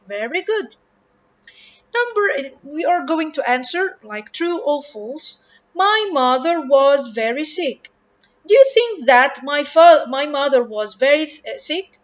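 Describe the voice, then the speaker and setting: A woman with an Arabic accent teaching an English reading lesson, speaking slowly and deliberately and stretching out words for her pupils. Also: high voice, fairly bright tone, dull audio. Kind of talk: recorded online lesson.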